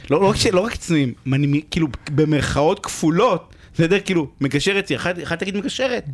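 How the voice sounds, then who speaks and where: A man's voice: a little high, expressive, no echo. Chatty man hosting a talk radio show. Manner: casual, chatty, heavy use of fillers.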